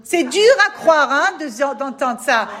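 A woman's voice: high-pitched, lively intonation, takes it slowly, sharp tone. A woman explaining religious teaching to a listener in an emphatic, coaxing way, often calling for attention. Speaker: spiritual advisor.

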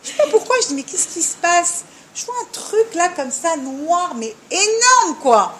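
A high-voiced woman leads an informal religious talk for a group, speaking straight to her listeners. She stays animated and acts out small dialogues as she goes. Faint room noise sits behind her voice. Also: normal speed. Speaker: leader of a women's discussion group.

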